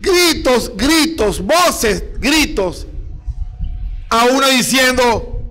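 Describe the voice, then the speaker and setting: A man's voice: very high-pitched, lively intonation, extremely slow, sharp tone, rough recording. A male preacher delivering an emphatic sermon, firing rhetorical questions at his congregation and repeating his points.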